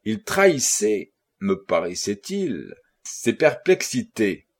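A man narrating a classic novel for an audiobook, in a measured and expressive reading style. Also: fairly low pitch. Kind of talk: scripted narration.

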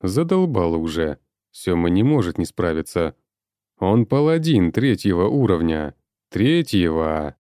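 Man doing a bossy gruff guy, low dark voice, dry, audiobook. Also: very animated, a little slow, no room sound. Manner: curt and commanding. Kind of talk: audiobook character voice.

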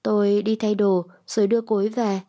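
A terse, domineering young man who gives short orders and guards his partner closely, read by a woman. His voice has a dark, mellow tone at a middle pitch, in the manner of a storybook reading. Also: flat delivery, a little fast, natural voice. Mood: curt. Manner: curt, bossy.

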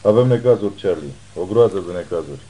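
A man's voice: low voice, lively intonation, dark tone, low-quality recording. A man reading the lines of a male associate who speaks bluntly and urgently on the phone.

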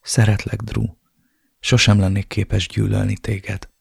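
A man's voice: lowish voice, little pitch movement, vocal fry, slightly rough, no room sound, studio quality, exaggerated voice. A man reading as a tender young woman.

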